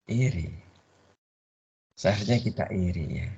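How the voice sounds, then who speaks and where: A man teaching a religious study class. He pauses mid-word so the audience can finish it. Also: low-pitched, vocal fry, mellow, breathy edge. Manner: call-and-response, leaves words half-said for the audience to finish. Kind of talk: Islamic study lecture. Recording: dull lo-fi recording.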